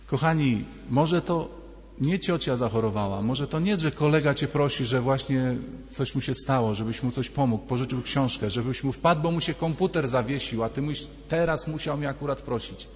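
At medium pitch and normal speed, a man preaches as a priest, echoing through a church with long reverb. He speaks conversationally, telling stories and performing brief dialogues.

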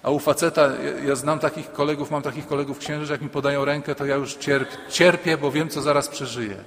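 A man's voice: a little high, steady tone, brisk, fairly bright tone. A man, a priest, preaching a sermon emphatically, repeating key lines and dropping humorous asides. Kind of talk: sermon to a congregation. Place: church. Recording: long church reverb.

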